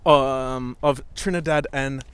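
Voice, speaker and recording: A man's voice: mid-range voice, fairly even intonation, takes it slowly, a bit bright, clear, resonant tone. A man co-hosting a casual podcast, teasing his friend and laughing often as he reads out a script. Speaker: podcast co-host. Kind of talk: casual chat.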